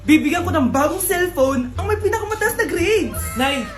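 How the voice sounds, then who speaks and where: A woman's voice: extremely high pitch, expressive, normal speed, roomy sound, over music. A woman acting out family comedy skits, switching between a mother and her children. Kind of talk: comedy skits playing several roles.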